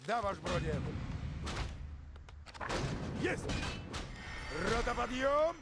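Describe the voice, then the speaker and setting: A high male voice plays an eager game soldier. He barks military replies like a drill sergeant, taking his time between words, with loud gunfire and battle noise behind him. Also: very animated, extremely slow, heavily acted. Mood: barking, dutiful. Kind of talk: video game unit voice lines.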